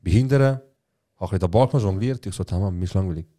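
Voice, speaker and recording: A man's voice: low voice, fast talker, warm tone. A young man, telling a story in casual, slangy chat and rambling along.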